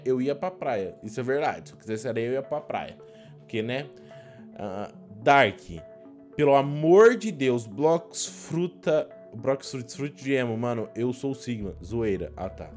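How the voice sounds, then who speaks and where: A young Brazilian man giving casual, slangy reaction commentary as a gaming YouTuber, expressive and prone to exclaiming. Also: mid-range voice. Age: young adult. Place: small indoor room at a desk.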